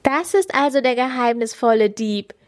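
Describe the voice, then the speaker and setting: A woman's voice: a little high, animated, moderate pace, pitched above the performer's own voice, close to an everyday voice. A woman voicing Lou, a cheeky young girl and big sister in a children's story. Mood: proud.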